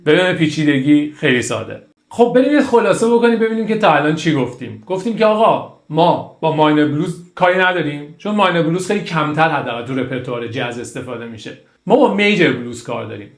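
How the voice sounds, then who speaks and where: A man's voice: fairly high pitch, sing-song. A man giving a casual music theory lesson, enthusiastic and singing short phrases to show them. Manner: enthusiastic, sings phrases to demonstrate. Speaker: music teacher. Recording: echoey room with guitar music.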